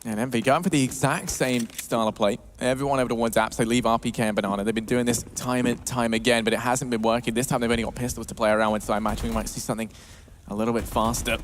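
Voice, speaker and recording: A man doing live esports play-by-play commentary as a caster, building from measured analysis to excited calls. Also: medium pitch, slight background noise.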